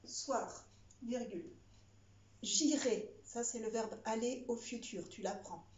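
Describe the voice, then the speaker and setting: A woman teacher dictating to a child word by word, spelling out words, pausing and explaining as she goes. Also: a little high, fairly even intonation, darkish tone. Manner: instructive, addressing one pupil directly. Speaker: primary school teacher. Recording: echoey room, slightly muffled sound.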